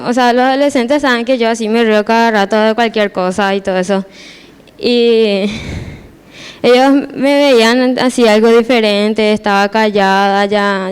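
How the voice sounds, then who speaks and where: A woman's voice: fairly high pitch, clear, resonant tone. Hesitant teen girl giving testimony. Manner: hesitant, repeats words and restarts. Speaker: church member giving testimony. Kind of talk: personal testimony.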